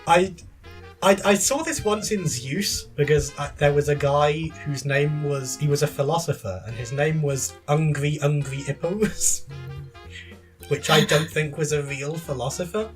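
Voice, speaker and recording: A man's voice: fairly high pitch, measured pace, faint music behind. A man co-hosting a podcast in casual chat about video games, chatty and laughing often between sentences. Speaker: podcast co-host.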